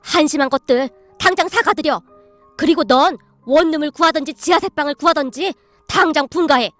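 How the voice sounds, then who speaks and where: A woman's voice: high voice, a little fast, fairly bright tone, dry recording, faint music behind. A woman voicing a stern, blunt elderly grandmother in a storybook tale, speaking in a formal, scolding way.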